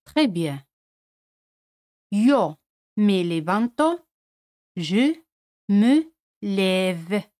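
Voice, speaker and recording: Slow, clear Spanish woman teaching French. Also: mid-range voice, big pitch swings, a little mellow. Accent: Spanish from Spain. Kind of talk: scripted language lesson.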